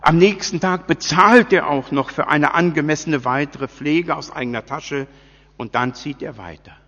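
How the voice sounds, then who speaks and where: A man preaching a sermon, slow and deliberate, asking his listeners many rhetorical questions. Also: fairly high pitch, fairly bright tone. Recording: dull sound with long church reverb.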